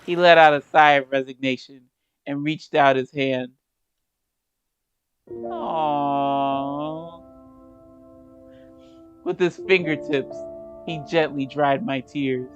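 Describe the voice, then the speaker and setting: A woman's voice: deep voice, fairly even intonation, takes it slowly, pauses often, dull audio, over music. A sleepy woman reading and commenting on a story game, with sassy, joking asides. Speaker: game streamer. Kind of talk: casual let's-play commentary.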